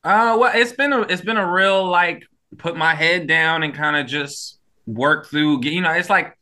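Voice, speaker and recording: Casual male co-host, slightly high, bright voice, loose rambling delivery, a little high. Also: normal speed. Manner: laid-back, rambling, swears casually. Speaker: podcast co-host. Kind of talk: casual podcast chat.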